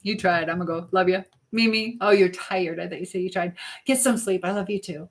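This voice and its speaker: A woman with a lowish voice hosts a casual live stream, chatting affectionately with viewers and reading their comments aloud at a slightly fast pace. Clicking sounds are clearly audible in the background noise.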